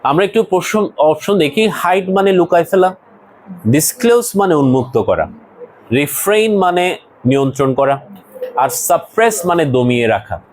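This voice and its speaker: A man's voice: a little high, lively intonation, normal speed, a little mellow, rough recording. A man teaching an English lesson to a class, explaining words one by one and asking students questions.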